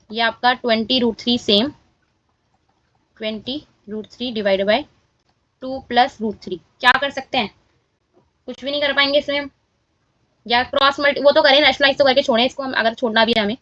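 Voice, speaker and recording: A woman's voice: high-pitched, a bit bright, dry recording, highs cut off. A woman teaching a maths lesson, walking students through each step and often correcting herself.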